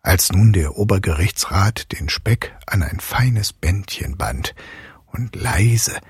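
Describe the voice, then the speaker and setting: A man reading a fairy tale aloud in an expressive way, sometimes dropping to a whisper. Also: low-pitched, takes it slowly, slightly rough, dry recording, studio quality. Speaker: reader. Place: online audio room.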